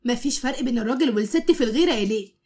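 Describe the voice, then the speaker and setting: A woman's voice: fairly high pitch, rapid-fire, close to an everyday voice. A woman doing a fiery, jealous young Egyptian wife. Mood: teasing. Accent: Egyptian Arabic. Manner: loud, scolding bursts.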